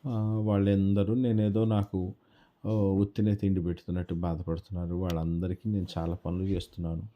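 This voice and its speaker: A man's voice: level tone, brisk, highs cut off, natural voice. A man storyteller voicing a poor orphan village boy, speaking in a raised, plaintive voice. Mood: sorrowful. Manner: raised, plaintive, slightly higher voice.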